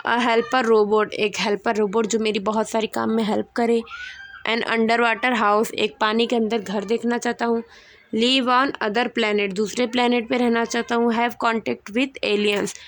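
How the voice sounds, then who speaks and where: A woman teacher with an Indian accent leads an English class. Her voice sits fairly high, and she reads each English line slowly and carefully before explaining it in Hindi. She calls her pupils "beta" as she guides them. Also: fairly bright tone. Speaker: school teacher.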